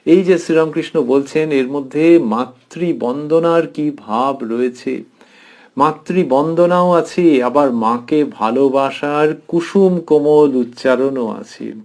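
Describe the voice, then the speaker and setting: Reflective man, slightly high voice. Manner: reflective and tender, slows to dwell on phrases; thoughtful pauses with soft fillers. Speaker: professor giving a scripture commentary. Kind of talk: devotional lecture commentary.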